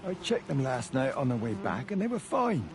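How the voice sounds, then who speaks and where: An actor playing a worried older farmer in a video game, blunt and agitated. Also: male voice, mid-range voice, very animated, a little fast, noisy background.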